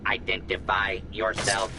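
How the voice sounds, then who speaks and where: A man's voice: fairly low pitch, level tone, a little slow, very noisy, lightly acted. An actor voicing a stern male security robot in a video game, speaking in clipped, commanding orders. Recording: game audio over loud music.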